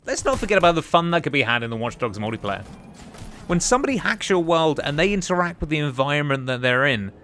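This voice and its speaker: A man with a fairly high, slightly bright voice reads a scripted top five video game countdown. He plays the reviewer with the emphatic delivery of a presenter.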